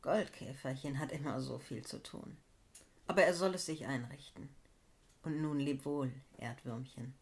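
A woman's voice: sits low, unhurried, pitched below the performer's own voice. A woman storyteller voicing a kindly, mysterious old woman in a fairy tale. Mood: secretive. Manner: soft, secretive.

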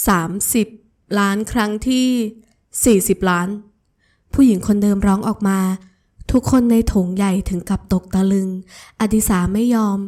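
A woman narrating an audio novel in an even, smooth storytelling manner. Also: mid-range voice. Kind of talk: scripted narration.

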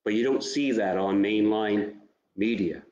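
Low-voiced pastor preaching in echoey church. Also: male voice, measured pace, darkish tone, dull audio, slight background noise. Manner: earnest, direct appeals to listeners. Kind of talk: sermon. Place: church sanctuary.

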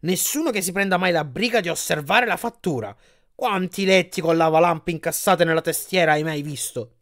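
A man's voice: on the high side, normal speed, a bit bright, pitched above the performer's own voice. A man voicing a smarmy giant male bed salesman in an audiobook, with an oily sales patter.

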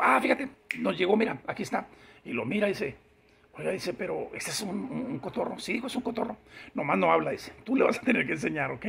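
A man's voice: sits high, vocal fry, slight background noise. A man telling a long joke, chuckling as he goes and acting out each character's lines. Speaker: joke teller.

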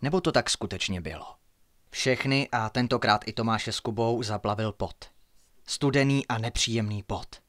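A man reading his own horror story aloud in a hushed, suspenseful way, sometimes dropping to near-whispers. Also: medium pitch.

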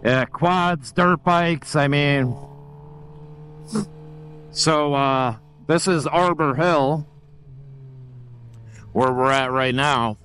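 Laid-back rider. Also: male voice, fairly high pitch, very slow, pauses often, fairly bright tone, rough recording. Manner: laid-back, swearing, chatty. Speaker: motovlogger. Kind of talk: casual ride commentary. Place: on a motorcycle on a highway. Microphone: helmet mic. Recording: wind and engine noise behind.

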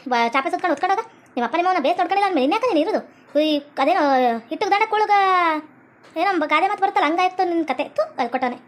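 A woman voicing a foul-mouthed old village grandmother in a comedy sketch, scolding and spitting insults. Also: very high voice.

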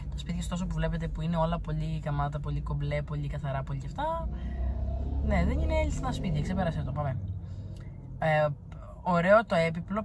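A woman's voice: low voice, darkish tone, slight background noise. A woman from Crete, answering viewer comments in a blunt, teasing, chatty way. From Crete, Greece. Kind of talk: casual chat.

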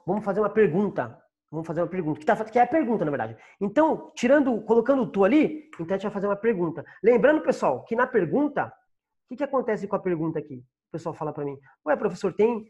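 A man's voice: high voice, darkish tone. A man with a Brazilian Portuguese accent teaching an online Spanish class, patiently repeating and translating each phrase.

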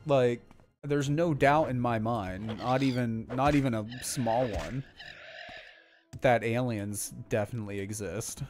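A young man talking loosely to his stream audience while he plays. His voice sits at an ordinary middle pitch, and his chat drifts and wanders with plenty of filler. Soft game music plays quietly behind him. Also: a little slow. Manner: rambling and relaxed, heavy on filler words. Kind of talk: casual live-stream chat while playing.

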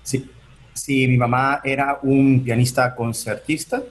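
Over a video call from his home office, a guest entertainment attorney in his forties answers interview questions chattily, with many fillers and restarts, gesturing as he talks. Born in Venezuela and raised in the United States, he speaks at a measured pace in a medium-pitched, level voice.

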